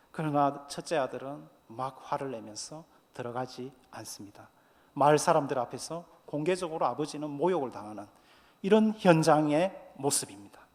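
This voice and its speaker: A man's voice: fairly high pitch, big-room sound. A man preaching a sermon as pastor, earnest and fond of rhetorical questions.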